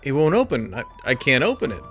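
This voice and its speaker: A man's voice: mid-range voice, huge pitch swings, fast, over music. A man playing a game and reading its dialogue aloud in shifting tones, with wry casual asides between lines. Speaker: let's play streamer.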